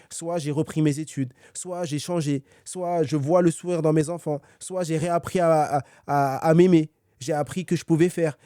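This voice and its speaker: A man's voice: fairly high pitch, warm tone, no echo, studio quality. A man being interviewed as a guest author, talking energetically with many fillers and restarts. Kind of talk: conversational podcast dialogue.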